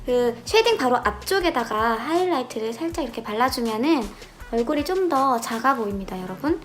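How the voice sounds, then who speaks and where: Higher-voiced woman teaching everyday makeup. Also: lively intonation, fairly quick, soft background music. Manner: gentle step-by-step instruction. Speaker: makeup tutorial host. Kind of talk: casual makeup tutorial.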